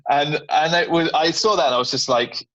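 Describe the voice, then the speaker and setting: Earnest British guest, dull lo-fi sound. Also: male voice, on the high side, a little fast, bright, forceful tone, dry recording. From United Kingdom. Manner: earnest, filler-heavy explanation. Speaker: guest, sauna business owner. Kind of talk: casual interview over a video call. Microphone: video call.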